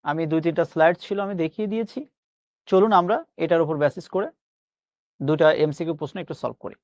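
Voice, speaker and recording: A man's voice: a little high, quick pace, darkish tone, dry recording. A man teaching a pronunciation class online, reassuring his students and slipping English phrases into his lecture.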